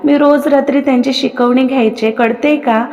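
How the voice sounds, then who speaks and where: Audio story: a woman voicing a playful young wife, mock-scolding, high voice, reverberant sound. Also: steady tone, moderate pace, darkish tone, dull audio. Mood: mock-angry.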